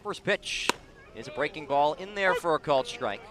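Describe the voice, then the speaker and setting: A man with a voice on the high side calls a baseball game live on the radio, animated and at a moderate pace, while a crowd is heard behind him. He's outdoors at the ballpark, and his clipped play-by-play rises with the action.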